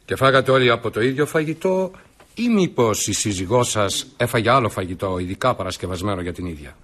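An actor playing a stern police inspector who questions witnesses formally and keeps firm control, in a radio drama. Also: male voice, lowish voice, animated, a bit bright. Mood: commanding. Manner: formal, commanding.

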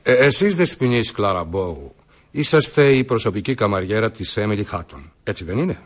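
Brief: stern inspector, low voice, formal and commanding, radio drama. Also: male voice, animated.

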